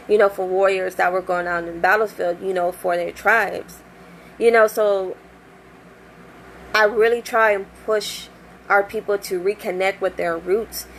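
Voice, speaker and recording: A young woman who owns a shop, chatting casually in an animated vlog with lots of fillers and acted-out quotes. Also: mid-range voice, a little hiss or hum, low-quality recording. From United States. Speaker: shop owner.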